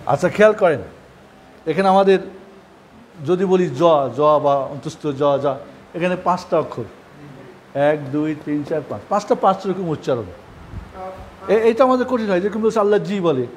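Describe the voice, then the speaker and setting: A man's voice: high voice, animated, moderate pace, pauses often, slight background noise. A Quran recitation teacher from Bangladesh, a man leading a live lesson, patiently repeating Arabic letter sounds for students to copy and encouraging them.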